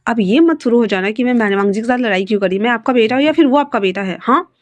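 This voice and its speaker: A woman's voice: on the high side, fast, no room sound, lightly acted. Cold, irritated young man, curt and dismissive, storybook part read by a woman in a dry, close voice.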